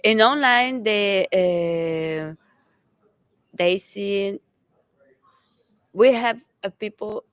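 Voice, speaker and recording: Slow, hesitant woman with a Mexican accent. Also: mid-range voice, smooth, no room sound. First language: Spanish. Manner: hesitant, searching for words, laughs often. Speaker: interview guest, company founder. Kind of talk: casual conference interview.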